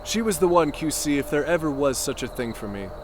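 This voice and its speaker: An actor playing a vain, melodramatic gentleman space adventurer in a comic sci-fi audio drama, speaking in a florid, theatrical way. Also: a little high, expressive, a little fast, a little hiss or hum, natural voice. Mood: melodramatic despair. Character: pompous, self-proclaimed dashing male space adventurer, vain and melodramatic.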